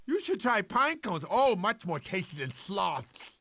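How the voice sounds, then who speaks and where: An actor playing a cowardly, talkative male sloth in an animated video game, with an excitable, theatrical, whiny delivery. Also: high voice, unhurried, a little hiss or hum, full character voice. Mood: panicked, whiny.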